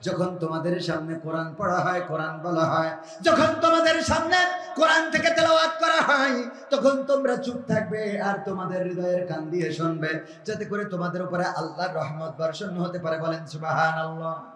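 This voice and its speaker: A man preaching an Islamic sermon at an outdoor gathering, swinging between high shouted chant and low intimate speech. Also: steady tone, moderate pace, roomy sound, long reverb tail, soft background music. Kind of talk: rhythmic shouted waz sermon.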